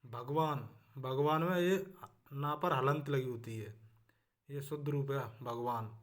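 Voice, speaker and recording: A man teaching a spelling lesson for exam preparation, speaking with a Hindi accent. He repeats each word to drill it and often trails off softly at the end of a line. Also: mid-range voice, takes it slowly.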